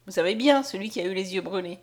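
A woman's voice: medium pitch, quick pace, lightly acted. A woman voicing a bold, loyal male hussar who firmly defends a friend, in an audiobook. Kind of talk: audiobook character voice.

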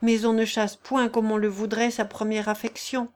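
A woman voicing a gentle frightened young peasant girl. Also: flat delivery, moderate pace, close to an everyday voice. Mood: tender earnest. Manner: pleading, breathless, high-pitched.

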